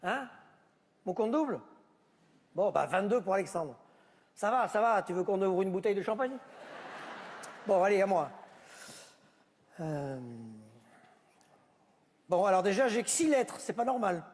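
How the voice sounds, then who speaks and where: A man's voice: sits high, lively intonation, unhurried, pauses often, a little mellow, big-room sound. A man performing a comedy sketch on stage, bickering sarcastically with unseen family members over a board game. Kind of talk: stand-up sketch, one-man show.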